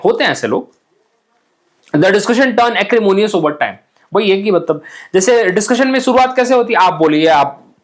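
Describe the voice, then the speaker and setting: A young man with a somewhat high voice teaching exam vocabulary in a chatty, informal way. He keeps checking in with his students and acts out little everyday scenes to explain each word. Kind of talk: explanatory online lesson in Hindi with English words.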